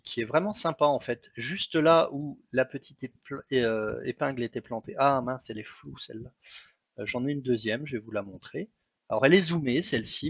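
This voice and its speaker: A man's voice: medium pitch, no room sound. A chatty French man talks through his travel photos with plenty of hesitations and apologies. The recording sounds dry and dead, and the sound is a little dull and lo-fi. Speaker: travel vlogger. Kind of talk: casual travel commentary over photos.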